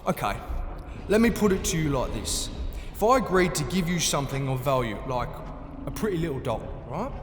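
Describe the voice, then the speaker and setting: A man's voice: a little high, very animated, fairly quick, a little hiss or hum. An actor playing a theatrical, mock-genial Gnome King in a fantasy audio drama, effusively polite and gloating. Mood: patronizing. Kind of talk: full-cast fantasy audio drama acting. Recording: echoey cavernous hall, music underneath.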